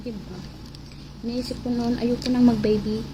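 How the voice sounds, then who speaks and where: A woman's voice: a little high, level tone, moderate pace. A woman vlogging as a mother, chatting casually to the camera in a rambling, joking, self-mocking way and dropping into English now and then. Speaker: mother vlogging with her baby. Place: rural home in the mountains. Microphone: camera facing her. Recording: loud background noise.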